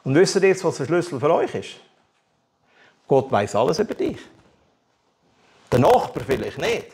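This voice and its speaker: A man's voice: on the high side, big pitch swings, moderate pace, a little mellow. A man with a Swiss German accent preaching a candid personal testimony, telling his story with animation and humor. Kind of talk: testimony sermon.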